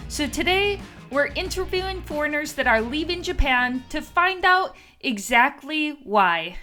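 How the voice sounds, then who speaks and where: A woman reads a scripted introduction in a high, bright, upbeat presenter voice. Faint music plays behind her. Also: lively intonation, measured pace. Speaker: video narrator. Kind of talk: scripted narration.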